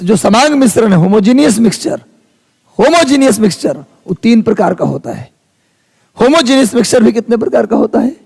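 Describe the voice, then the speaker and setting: Male teacher, husky, high voice, casual classroom banter. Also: darkish tone. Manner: chatty, teasing students in rustic Hindi. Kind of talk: live classroom lesson. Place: classroom with students. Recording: long reverb of a hall.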